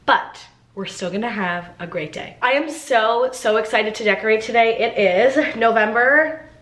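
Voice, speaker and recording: Decorating her apartment kitchen, a lifestyle vlogger chats upbeat despite a stuffy, congested nose. Her fairly bright voice is a little high and moves at a moderate pace, and the room gives the audio a roomy echo.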